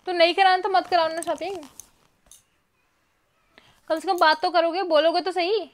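A woman's voice: extremely high pitch, steady tone, normal speed. A woman pleading with and scolding her husband in a casual home vlog, coaxing him to talk. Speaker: wife being pranked.

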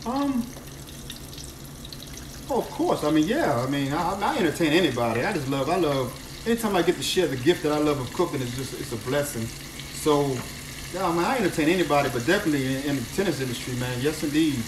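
A chef from New Orleans chats exuberantly on a live stream while cooking in his home kitchen, repeating phrases as he goes. His voice is on the high side, brisk, with lively intonation. A phone camera moved around the kitchen picks him up from a distance, so the sound is echoey and noisy with frying and sizzling food.

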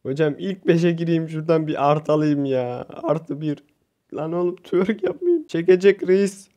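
A young man from Turkey giving excitable, swear-filled commentary over his own gameplay, shouting and yelping when things go wrong. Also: a little high, measured pace, dull audio. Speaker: gaming youtuber.

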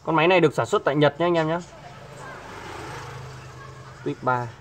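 A man shows off his shop's goods in a slightly high voice. He talks casually, hesitates often and repeats his points. Steady background noise runs under the recording. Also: normal speed. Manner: chatty, repeats himself, many hesitations. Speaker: fishing tackle shop owner. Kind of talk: casual product showcase. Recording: noisy background.

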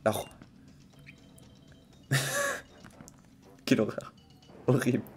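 A man's voice: fairly low pitch, steady tone, takes it slowly, a little mellow, slight background noise. A man hosting a casual livestream chat, playful and jokey, swearing freely and breaking into theatrical mock laments. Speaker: streamer host.

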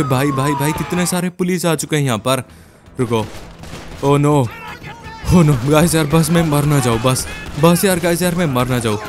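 A young man giving excited gameplay commentary, talking to his viewers in casual slang and repeating words in quick, frantic bursts. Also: fairly high pitch. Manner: speaks as the game character in first person; casual slangy Hinglish, addresses viewers as guys. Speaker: gaming YouTuber. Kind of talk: excited Let's Play commentary.

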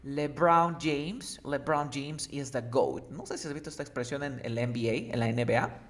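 A man's voice: mid-range voice, normal speed. A man teaching English slang in a casual lesson, often checking that the student follows. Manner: lively, checks understanding often.

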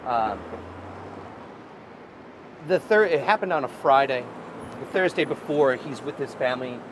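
A walking-tour guide in his thirties tells history as a casual story on a city street next to a prison wall, with many fillers and restarts. His medium-pitched voice has lively intonation and runs a little slow. The outdoor recording carries traffic noise.

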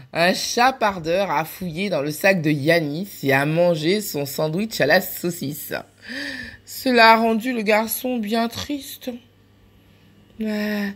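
A woman reading a children's picture book aloud for a library, acting out laughs and cries as she goes. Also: mid-range voice. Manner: animated, acts out laughs and cries. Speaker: library storyteller.

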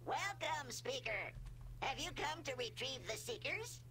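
Brief: a calm ship-computer vault custodian, high bright voice, measured procedural delivery. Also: female voice, slight background noise, heavily acted. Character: calm female machine custodian of an ancient vault. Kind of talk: video game dialogue.

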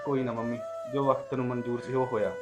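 A man's voice: medium pitch, little pitch movement, quick pace, a little mellow, close to an everyday voice. An actor playing a grieving younger son who pleads with his mother to stop crying. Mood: pleading. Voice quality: pleading, choked with grief. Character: grieving young man, younger brother of the dead. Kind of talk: emotional drama acting.

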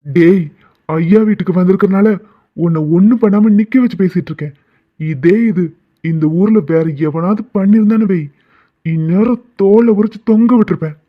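Cartoon role: man doing a rough, loyal village servant, high-pitched, lo-fi sound. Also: moderate pace. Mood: furious. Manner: threatening, rough. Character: gruff loyal male servant of a village household.

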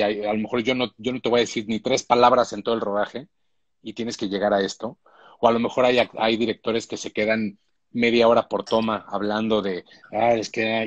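A man's voice: fairly low pitch, no room sound, muffled recording. A man, speaking as a showrunner guest in a casual live-stream interview, thoughtful and full of restarts. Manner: thoughtful, reflective, with frequent restarts. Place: indoor room at home. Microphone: phone or laptop on a video call.

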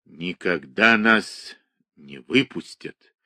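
A man voicing an agitated, rebellious male asylum patient who shouts indignantly in an audiobook reading. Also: low voice, expressive, extremely slow, no echo, clean studio sound, heavily acted. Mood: despairing.

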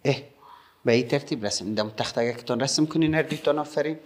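A middle-aged man with an Afghan Dari accent, teaching young children patiently, repeating slowly and praising often. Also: mid-range voice. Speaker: primary school teacher.

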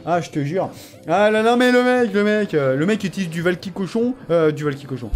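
Excitable young man commentating a game. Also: high-pitched, brisk. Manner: excitable, teasing, mock-threatening. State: tired. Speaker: gaming channel host. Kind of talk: casual gameplay commentary.

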